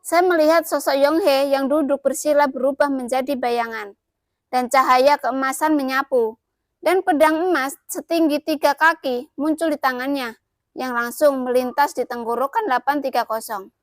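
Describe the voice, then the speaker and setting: High-voiced woman reading a novel. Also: normal speed, no echo, clean studio sound. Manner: steady reading of a story. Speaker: narrator. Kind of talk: audio novel narration.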